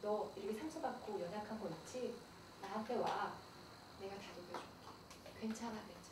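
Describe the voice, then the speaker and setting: A woman voicing a gentle male God who reassures a hurting child in a soft voice, recorded from far off in an echoey hall. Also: mid-range voice, a little fast, background noise, pitched below the performer's own voice, lightly acted. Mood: soothing.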